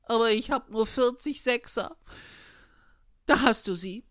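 A woman's voice: on the high side, a little slow, fairly bright tone, no room sound, clean studio sound. A woman voicing an eager, impulsive wooden puppet boy in a storybook reading, asking questions in a rush. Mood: earnest. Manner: breathless, tumbling questions.

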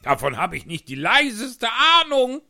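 A man's voice: high voice, big pitch swings, normal speed, gravelly, sharp tone, full character voice. A man playing a grumpy, fussy male Hatter in an audiobook reading, curt and scornful. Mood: grumbling.

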